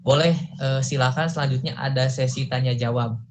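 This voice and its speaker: A man moderating an online class, speaking politely with many filler pauses. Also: mid-range voice, steady tone, background noise. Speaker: student moderator.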